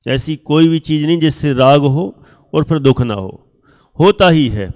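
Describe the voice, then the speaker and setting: A man lectures to a room of students at a very unhurried pace, drawing out key words for emphasis. His voice is gravelly yet clear and resonant, pitched a little above the usual for a man. He puts questions to the class and voices the lines of the people in his examples. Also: lively intonation, darkish tone. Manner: acts out quoted speech of others. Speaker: teacher.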